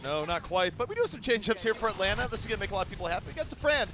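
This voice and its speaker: High, lively esports commentator man. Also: racing, music in the background. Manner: explanatory, breaks into laughs.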